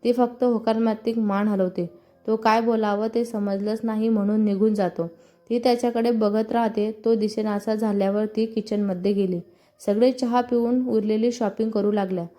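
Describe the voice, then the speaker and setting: A woman with a Marathi accent reading a scripted story aloud, voicing all the characters' lines in her own even narrating voice. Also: medium pitch, normal speed, faint music behind. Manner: reads all parts in one even narrating voice.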